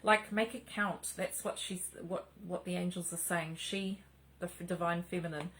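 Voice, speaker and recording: Middle-aged lady chatting about spiritual stuff, rambly, lots of ums, lowish voice. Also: steady tone, moderate pace, a bit bright, a little hiss or hum, rough recording. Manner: rambling, many fillers and restarts. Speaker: spiritual channel host. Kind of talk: casual spiritual talk.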